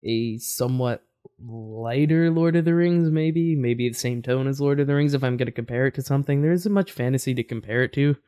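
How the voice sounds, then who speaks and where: A man at an ordinary, mid-range pitch chats through his reactions as a video host. He talks in a loose, rambling way, with fillers and restarts. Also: a little fast, warm tone, smooth. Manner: rambling, chatty, with fillers and self-corrections. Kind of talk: casual reaction commentary.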